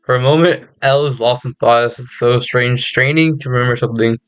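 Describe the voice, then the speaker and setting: A man's voice: mid-range voice, steady tone, fairly quick, a bit bright, smooth, no room sound, soft background music. A man streaming a game, reading its narration aloud with giggles and stumbles. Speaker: gaming streamer.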